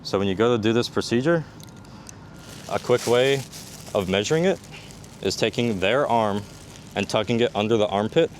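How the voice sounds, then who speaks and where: A man with a fairly low voice walks through a practical demonstration as a military medical instructor. He explains methodically, one step after another. There is some faint ambient noise, like vehicle rumble, behind him. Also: lively intonation, moderate pace, long pauses. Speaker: army combat medic instructor.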